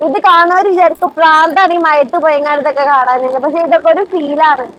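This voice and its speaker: Very high-pitched woman mixing in English. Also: steady tone, quick pace, dull audio. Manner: mixes English words into Malayalam. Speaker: vlogger. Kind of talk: casual outdoor travel vlog chat. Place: outdoors at a rainy waterfall. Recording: background noise of rain outdoors.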